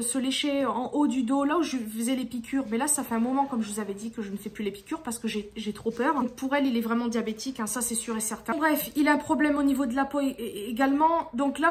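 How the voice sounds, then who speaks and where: High-voiced exasperated woman vlogger. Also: fast, hardly any pauses. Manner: exasperated, rambling, with frequent restarts. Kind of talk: casual venting vlog.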